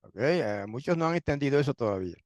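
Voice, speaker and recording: A man teaching a sermon-style Bible lesson who often clears his throat, asks rhetorical questions and repeats points for emphasis. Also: medium pitch, lively intonation, fast talker, a little mellow, no room sound, lo-fi sound.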